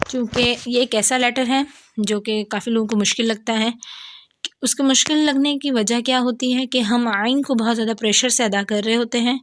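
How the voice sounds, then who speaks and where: A woman with a Pakistani Urdu accent gives a Quran reading lesson. Her voice sits a little high, and she patiently repeats each letter several times. The sound is dry and close, with no room echo. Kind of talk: recorded lesson.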